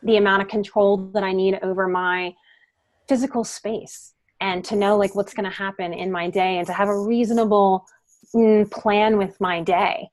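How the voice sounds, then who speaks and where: A woman's voice: medium pitch, steady tone, normal speed. A middle-aged woman talking on a podcast as a guest psychotherapist. She speaks earnestly and leans hard into the key words. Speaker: guest psychotherapist and life coach. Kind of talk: podcast interview.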